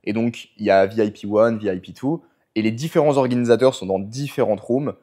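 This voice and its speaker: A man's voice: lowish voice, fairly quick, dark tone. A man telling his poker session as a vlog, analytical and full of English poker jargon. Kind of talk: storytelling vlog narration.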